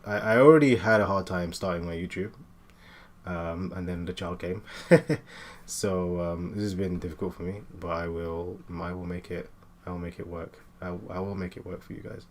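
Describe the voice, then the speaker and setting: A man in his late twenties chatting casually while he draws, talking in halting bursts with many fillers and restarts. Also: low voice, steady tone. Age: 20s. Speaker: art streamer. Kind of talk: casual chat while drawing.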